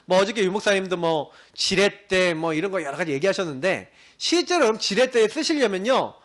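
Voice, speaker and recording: A male pastor preaching a sermon to his congregation, swinging between loud emphasis and low, quiet asides. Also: expressive, a little fast.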